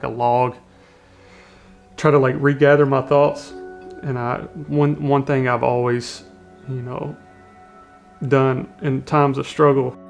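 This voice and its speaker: A man telling, in a documentary interview, how he struggled through an ultramarathon, earnest and halting with many restarts. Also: mid-range voice. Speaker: ultramarathon runner telling his story.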